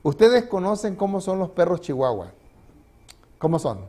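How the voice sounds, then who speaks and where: Pastor preaching, mellow voice. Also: male voice, high-pitched, big pitch swings, moderate pace. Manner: conversational, asks the congregation questions and laughs. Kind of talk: sermon. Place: church sanctuary.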